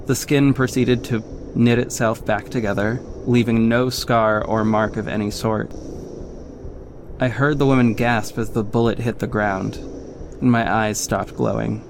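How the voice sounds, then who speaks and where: Over background music, a male actor voices a cocky yet caring young vigilante superhero in a scripted audio drama. His first-person narration and dialogue are earnest, fairly low-pitched, steady and measured, with some background noise.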